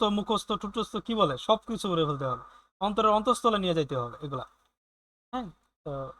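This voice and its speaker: High bright-voiced man teaching a class. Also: no room sound. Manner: explains slowly with many fillers, checks in with students. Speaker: German language teacher. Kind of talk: online class lecture.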